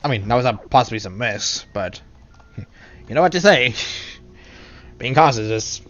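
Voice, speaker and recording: A man's voice: medium pitch, animated, unhurried, fairly bright tone, highs cut off. A man from England with an English accent, casually talking to himself in playful, rambling commentary while streaming a video game. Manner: rambling, playful self-talk with giggles. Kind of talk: casual live gameplay commentary.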